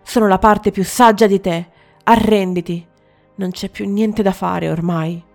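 A woman voicing a cruel, mocking mirror reflection of a prince in a storybook, speaking harshly and loudly. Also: mid-range voice, fairly even intonation, unhurried, vocal fry, soft background music. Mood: scornful. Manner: harsh, scornful, loud.

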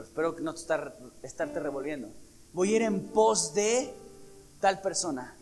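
A man preaching a sermon, emphatic and asking the congregation questions. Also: a little high. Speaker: pastor.

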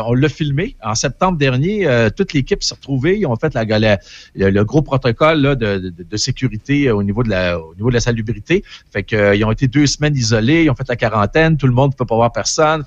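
A man with a Québécois French accent talks through his entertainment column in a loose, chatty way, full of opinions and side remarks. His voice is recorded dry and a little dull, like lo-fi broadcast audio, with a mid-range pitch. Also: lively intonation, fairly quick, no room sound. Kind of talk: casual radio chat.

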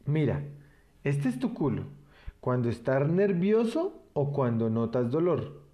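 A man voicing a wise, gentle female fairy in a children's story, patient and explaining. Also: mid-range voice, very animated, measured pace, dull audio.

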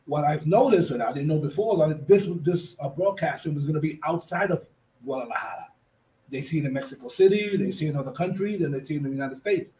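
A man with a Puerto Rican accent hosts a casual radio talk show, speaking effusively, repeating his phrases and switching between English and Spanish. His voice is a little high and dark-toned, with lively intonation and a quick pace. The recording is rough, with clear background noise.

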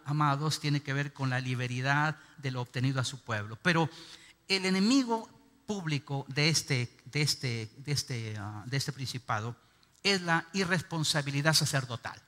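Un hombre, pastor, predicando un sermón enfático y pidiendo a la congregación que repita sus frases. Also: male voice, mid-range voice, pushed and bright, big-room sound. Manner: emphatic preaching, calls on the congregation to repeat. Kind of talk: sermon. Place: church.

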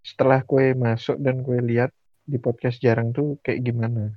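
A man's voice: mid-range voice, level tone, moderate pace, dry recording. Dry, muffled podcast guy. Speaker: podcast host. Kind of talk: casual chat. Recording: dull, band-limited close recording.

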